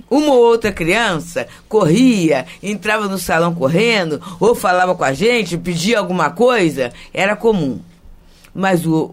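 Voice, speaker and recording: Woman medium, reflective storyteller, measured and teacherly. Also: fairly low pitch. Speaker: spiritist medium and guest.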